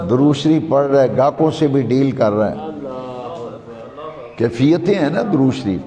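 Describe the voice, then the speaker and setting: A man delivering a sermon, chanting quoted Arabic slowly and drawn out, recorded live in a large echoing hall. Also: a little high, warm tone. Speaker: preacher. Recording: echoey hall with live crowd.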